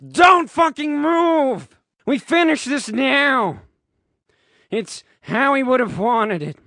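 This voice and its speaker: Man doing a hotheaded boy wizard, yelling high, dry close mic. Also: animated, slow, vocal fry, no echo, exaggerated voice. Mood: furious. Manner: shouting, cursing, then cowed. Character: furious young wizard hero, hot-headed.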